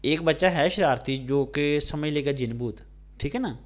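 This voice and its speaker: A man's voice: a little high, lo-fi sound. A man from Pakistan teaching English to blind students, spelling words out letter by letter and translating them into Urdu. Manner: slow, spelled-out dictation of words, switching between English and Urdu; addresses students by name, checks understanding. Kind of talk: recorded classroom lecture.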